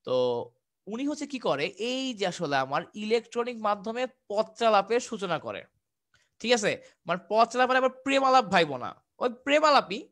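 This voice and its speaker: Teaching exam prep live online, a young online tutor from Bangladesh keeps up a chatty, repetitive delivery and answers viewers' questions as they come in. His voice sits high and sounds a bit bright.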